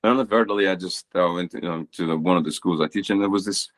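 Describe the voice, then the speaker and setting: A man co-hosting a casual podcast, teasing his friend and giving relaxed, rambling explanations. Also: low voice, quick pace. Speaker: podcast co-host and teacher.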